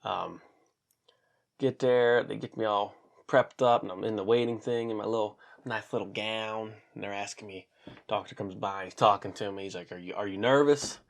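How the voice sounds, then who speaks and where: A man in his thirties telling a personal story to camera in a casual, animated way, acting out what people said. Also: moderate pace, vocal fry. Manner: animated, acts out quotes with big pitch jumps. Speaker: vlogger.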